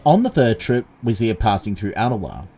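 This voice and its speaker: A man's voice: on the low side, very animated, brisk, dark tone. Man narrating, faint vehicle noise behind. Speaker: narrator of railway video. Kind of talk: scripted documentary narration.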